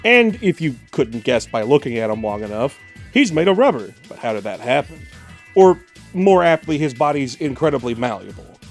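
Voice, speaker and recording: A man's voice: medium pitch, very animated, moderate pace, gravelly. A man co-hosting with scripted narration, telling the story with a wry edge. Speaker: show co-host. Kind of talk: scripted versus-show narration. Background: faint background music.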